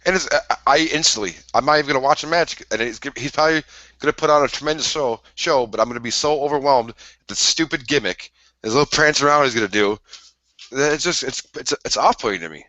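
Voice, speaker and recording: A young man co-hosting a casual podcast, arguing and mocking his co-host in animated banter. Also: medium pitch, fast talker, no room sound, rough recording.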